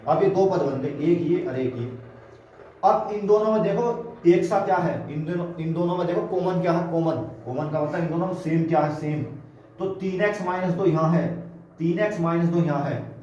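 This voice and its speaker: A man's voice: a little high, warm tone, highs cut off, slight background noise. A man with a North Indian Hindi accent teaching a math class, explaining each step with questions to his students and bragging about his teaching. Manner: step-by-step explaining with rhetorical questions, boastful asides. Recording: very echoey room, voice from far off the mic.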